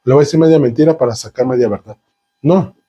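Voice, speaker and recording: A man with a medium-pitched, husky voice preaches a sermon at a quick pace, heaping up synonyms and rhetorical questions. He draws the congregation in by talking with them and asking them questions. The recording sounds lo-fi.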